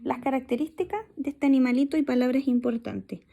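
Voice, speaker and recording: A woman's voice: sits high, brisk, gravelly, warm tone. A woman teacher with a Chilean accent, reading a story aloud in an online lesson and explaining new words with simple examples. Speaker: primary school teacher.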